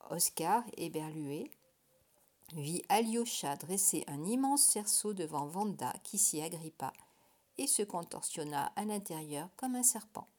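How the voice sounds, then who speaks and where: Woman reading a storybook aloud, expressive. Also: fairly low pitch, a little slow. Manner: expressive, hushed in tense moments.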